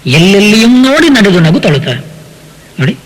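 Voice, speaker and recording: A man with a high, husky voice giving a devotional talk on verses. He poses rhetorical questions and addresses the listeners as sir. Now and then he stops to chant a verse slowly. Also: very animated, long reverb tail, poor audio. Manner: chants verses slowly between spoken explanation. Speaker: spiritual lecturer. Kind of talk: devotional discourse on poetic verses.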